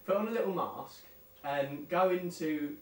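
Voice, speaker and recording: A man's voice: sits high, slow pace. A young man hosting a casual chat show, jokey and rambling, laughing often. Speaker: radio show host. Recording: roomy, distant mic, faint hiss.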